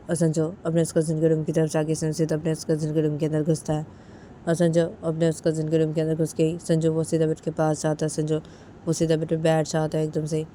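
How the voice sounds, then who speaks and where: A woman's voice: low voice, warm tone, slight background noise. A woman narrating a romantic story in a casual, repetitive retelling manner.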